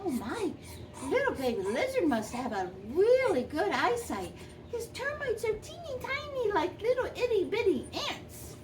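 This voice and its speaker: A woman voicing a sweet, gentle old granny who tells a children's story expressively, lingering on and repeating words. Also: very high-pitched, big pitch swings, unhurried, full character voice. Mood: tender wonder. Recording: distant microphone, faint background noise.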